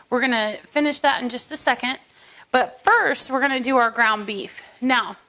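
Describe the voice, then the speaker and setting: A woman's voice: high-pitched, fairly bright tone. A woman hosting a casual cooking tutorial in her home kitchen, chatting viewers through each step. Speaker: cooking show host.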